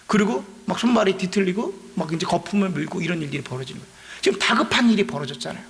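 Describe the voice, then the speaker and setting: A man's voice: sits high, expressive, racing, gravelly. A man preaching a sermon as pastor, explaining scripture in a conversational way with rhetorical questions.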